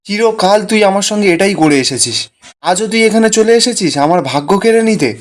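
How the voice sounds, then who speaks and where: Man doing a shrill, jealous young woman, accusing and spiteful, raised pitch. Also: animated, brisk. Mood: bitter accusing.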